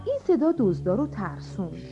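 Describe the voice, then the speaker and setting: A woman narrating a children's storybook, expressive and addressing the kids. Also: mid-range voice. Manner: animated, expressive. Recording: dull lo-fi audio with music.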